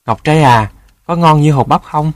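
A man's voice: a little high, normal speed, no room sound, clean studio sound, pitched above the performer's own voice, close to an everyday voice. Man doing a greedy foolish rooster. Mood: scornful. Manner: panicky, boastful.

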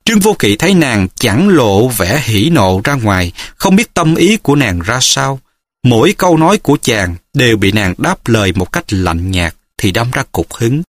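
A male narrator tells a martial-arts novel with an expressive, dramatic reading. His pitch rises and falls widely, and the recording is dry and close to the mic. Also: normal speed, no echo. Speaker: audiobook narrator.

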